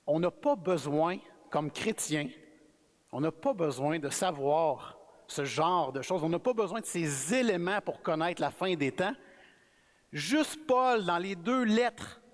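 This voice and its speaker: A man with a Québécois French accent, preaching as a guest speaker in a relaxed, friendly, conversational sermon. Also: high-pitched. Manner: relaxed, friendly, self-effacing. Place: church sanctuary. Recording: reverberant church hall.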